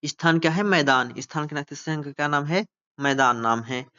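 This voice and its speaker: A man's voice: a little high, fairly quick, bright, forceful tone, clean tone, muffled recording. A male Hindi teacher explaining a play, often asking his own questions and answering them. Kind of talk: literature lesson explaining a play.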